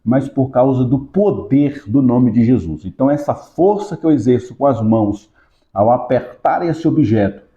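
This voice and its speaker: Dark-voiced pastor teaching. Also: male voice, expressive, moderate pace, roomy sound, muffled recording. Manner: explains step by step, checks in with "tá?" and "ok?"; raises pitch in rhythmic command when casting out. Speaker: pastor and Sunday school teacher. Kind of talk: Bible lesson with a hands-on demonstration.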